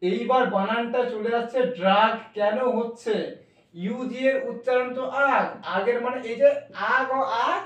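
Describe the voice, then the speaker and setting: A man with a Bengali accent gives a spelling and pronunciation lesson, talking through each step with little fillers. His voice sits high. It reaches the mic from across an echoey classroom. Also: steady tone, moderate pace, distant mic. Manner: explains step by step, spells words letter by letter with fillers. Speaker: English teacher.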